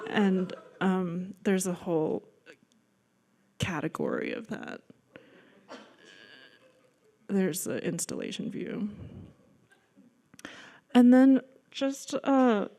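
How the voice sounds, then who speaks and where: In a lecture room, a guest artist lecturer walks through slides of her paintings. She's a woman in her thirties from the United States with a mid-range, darkish voice, talking casually and chattily, poking fun at herself and peppering her speech with ums and likes.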